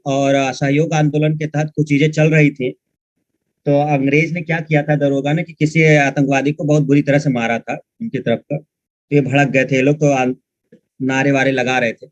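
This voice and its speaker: Lecturing online, this man teaches history in a fairly high voice, speaking informally and reprimanding his students along the way. His recording has no room sound and comes across dull, dry and muffled.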